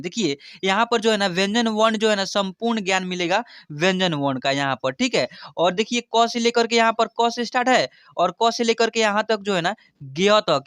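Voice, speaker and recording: High-voiced Hindi teacher drilling letters. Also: male voice, no echo, clean studio sound. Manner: repeats filler phrases, loud drilled syllables. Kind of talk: online lesson, reading letters aloud.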